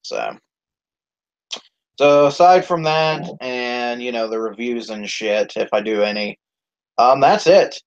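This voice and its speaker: A man's voice: medium pitch, slow, pauses often. A man hosting his own channel's live stream, chatting casually and rambling with lots of swearing and fillers. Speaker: YouTube channel host. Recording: dull lo-fi stream audio.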